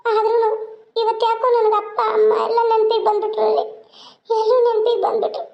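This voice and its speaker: Very high-voiced cartoon young wife, meek and pleading, thin lo-fi sound. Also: female voice, monotone, a little fast, gravelly. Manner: tearful, imploring.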